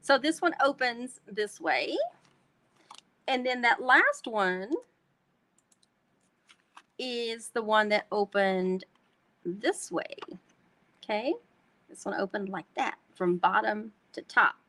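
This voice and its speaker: A woman's voice: mid-range voice, slow, long pauses, fairly bright tone. A woman from North Texas with a Texan twang, hosting a chatty live craft tutorial and talking to her viewers as y'all. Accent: Texan Southern twang. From North Texas, USA. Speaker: host demonstrating card making.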